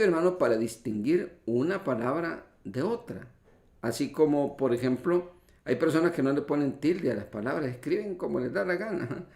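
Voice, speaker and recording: A man's voice: fairly high pitch, a little mellow. A man preaching a sermon who explains the meaning of words step by step and often calls his listeners brothers. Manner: teacherly, explains word meanings and spelling rules. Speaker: pastor. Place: church hall. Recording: echoey church livestream.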